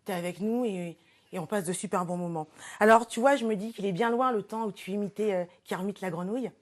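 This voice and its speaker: A woman's voice: medium pitch, fairly quick. A woman who is a regular on the show, giving a playful, theatrical comic tribute to a guest. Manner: playful, theatrical, self-mocking. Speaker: regular portrait presenter. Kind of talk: comic scripted tribute monologue.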